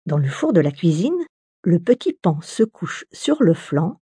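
A woman reading a fairy tale aloud in an expressive storybook manner. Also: on the low side, slightly rough, no room sound. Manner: expressive, slow storybook delivery.

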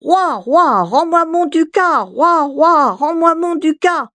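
A woman voicing a small, plucky, stubborn cockerel in a high, insistent sing-song chant. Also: lively intonation, slow pace, dry recording, exaggerated voice.

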